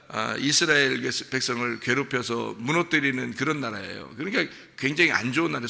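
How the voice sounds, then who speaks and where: A man's voice: medium pitch, creaky, sharp tone, long reverb tail. A man pastor preaching a sermon in a casual, conversational way, asking the listeners questions and chuckling now and then. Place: church sanctuary.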